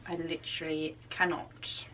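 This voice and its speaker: Bright London woman, casual chat. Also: low voice, flat delivery, a little slow, recorded from a distance, slight background noise, rough recording. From East London. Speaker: podcast co-host.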